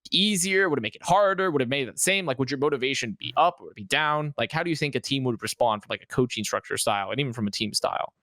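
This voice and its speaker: A man co-hosting an esports talk show, asking rapid questions and teasing his co-host. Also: medium pitch, no room sound, studio quality. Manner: quick, animated questioning and teasing. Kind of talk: casual chat and teasing banter.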